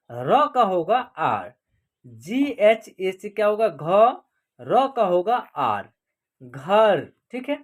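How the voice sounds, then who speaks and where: In a mid-range voice, a woman leads an online lesson, breaking the material into steps. She keeps asking questions and then supplying the answers herself.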